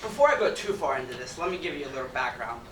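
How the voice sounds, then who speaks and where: A man's voice: medium pitch, lively intonation, rapid-fire. A young man from Ecuador giving an upbeat, jokey student presentation to an audience. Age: young adult. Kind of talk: presentation talk. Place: event hall with audience. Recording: roomy, distant mic, noisy.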